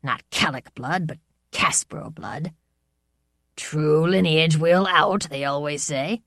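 A woman's voice: slow, a bit bright, no echo, studio quality, full character voice. A woman voicing a bellowing, overbearing old grandfather lord with brassy, jeering laughter in his voice. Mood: mocking. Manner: booming and jeering.

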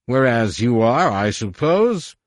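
A man's voice: medium pitch, big pitch swings, slow pace, no echo, studio quality, voice pushed up. A man voicing a sneering male rebel whose speech is distorted to hide who he is, mocking and derisive in every line.

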